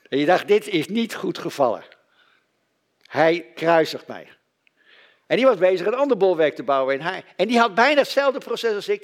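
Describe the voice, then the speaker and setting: A middle-aged man preaching a sermon, telling stories with dry, self-mocking humor. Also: high-pitched. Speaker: pastor.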